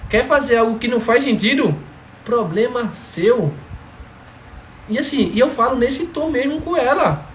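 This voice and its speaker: Barely pausing, a man with an extremely high pitch rattles off a brisk, casual testimony about his family as a father. He's emphatic and animated, constantly asking "entendeu?", while the echoey room adds faint background noise.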